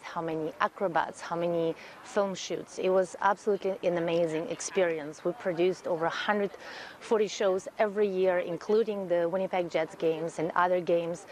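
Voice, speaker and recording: A woman's voice: fairly low pitch, slight background noise. A woman, a guest introducing herself in an interview, earnest, with many fillers and repeated words. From Russia. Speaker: guest, event producer.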